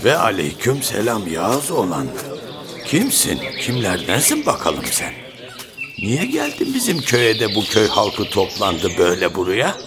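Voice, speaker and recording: An actor playing a cantankerous old village patriarch in a radio play, with folksy rural speech and a scolding manner. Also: male voice, lowish voice, huge pitch swings, a little slow, crowd noise. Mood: curious, suspicious. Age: older. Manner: grumbling, scolding, rhetorical questions.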